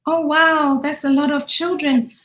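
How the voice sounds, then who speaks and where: A woman hosting a casual interview over a video call, her voice slightly hoarse. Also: high voice, little pitch movement, measured pace, fairly bright tone, reverberant. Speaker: talk show host. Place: indoors on an online call.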